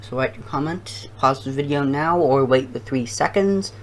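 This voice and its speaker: A challenge video host talking casually to viewers and thinking out loud in a halting way. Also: mid-range voice, a little hiss or hum.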